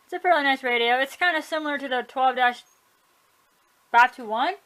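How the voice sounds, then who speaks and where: A woman with a high-sitting, slightly bright voice shows off her collection at home in a casual video tour, talking at a moderate pace. She's offhand and chatty, often correcting herself and shrugging things off, on a low-quality recording.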